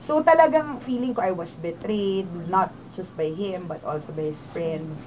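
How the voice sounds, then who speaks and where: A woman's voice: on the low side, a little slow. A woman in her twenties with a Filipino accent, a radio DJ telling her story in an interview, mixing Tagalog and English. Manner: animated, switches between Tagalog and English. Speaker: radio DJ guest. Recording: dull lo-fi sound with clear noise.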